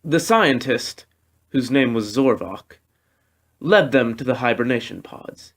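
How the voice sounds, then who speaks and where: In the style of an amateur audiobook, a man narrates a scripted storybook at an ordinary middle pitch. His delivery is animated and a little slow.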